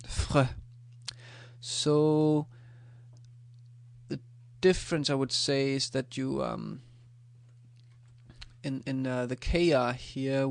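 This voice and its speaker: Man, pronunciation lesson, hesitant with fillers, gravelly voice, dry recording. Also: medium pitch, dry recording. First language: Danish. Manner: slow and hesitant, with many fillers, repeating sounds. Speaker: language teacher.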